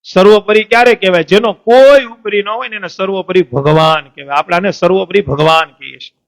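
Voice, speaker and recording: High-voiced man preaching stories. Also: brisk, creaky. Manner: asks the audience questions and answers them, voices saints and devotees in the stories. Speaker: lay preacher. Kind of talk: storytelling sermon. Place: temple assembly hall.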